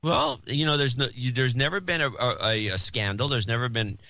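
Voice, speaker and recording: A man's voice: medium pitch, brisk, pushed and bright, no room sound. A man co-hosting a podcast, blunt and wry in casual chat. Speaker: podcast co-host.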